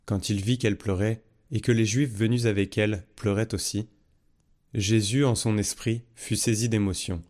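Guy reading the bible aloud, lowish voice, measured and steady. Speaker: Bible reader.

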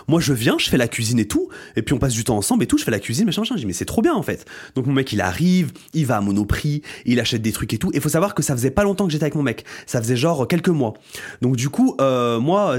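Young guy ranting about friends, husky voice, talks super fast, pitch all over the place. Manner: animated, slangy, swings to loud indignation. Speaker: podcast host. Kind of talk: casual storytelling monologue.

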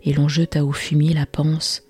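A woman's voice: low-pitched, flat delivery, breathy edge, faint music behind. Woman whispering a bedtime story, whispered role-play. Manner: slow, hushed whispering.

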